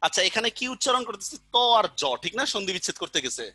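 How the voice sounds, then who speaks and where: A man speaks in a high, animated, rapid-fire voice that sounds bright and forceful, with no echo. He's a teacher running an online grammar lesson, patiently going over examples again and frequently checking whether the class has understood.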